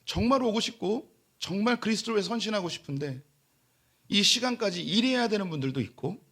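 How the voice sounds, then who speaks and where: A middle-aged male pastor delivers a sermon in a church sanctuary, his voice pitched somewhat high for a man. He slips into the voices of boasting church members, then climbs into emphatic, raised-voice preaching. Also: expressive, fairly quick, a bit bright.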